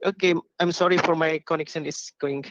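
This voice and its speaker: A man reviewing in an online session, breaking up over a bad video call connection and halting often to ask if he can be heard. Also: a little high, steady tone, a bit bright, dry recording. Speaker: reviewer asking questions. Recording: dull lo-fi call audio.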